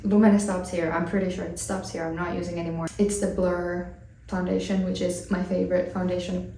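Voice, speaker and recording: Recorded from afar in a roomy space, this Finnish vlogger in her twenties talks through her makeup routine in a chatty get-ready-with-me style, rambling and using fillers. Her voice sits on the low side, warm in tone, with a flat, brisk delivery.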